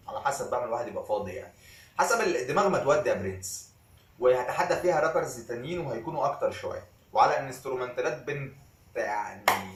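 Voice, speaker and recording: A man's voice: mid-range voice, roomy sound, recorded from a distance, background noise. A man with an Egyptian accent, a rapper and vlogger chatting loosely in slang between rap takes. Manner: loose, slangy, laid-back talk. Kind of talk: casual chat between freestyle rap takes.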